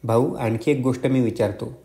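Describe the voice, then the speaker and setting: A man reading a gentle earnest young son. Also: medium pitch, normal speed, vocal fry, lightly acted.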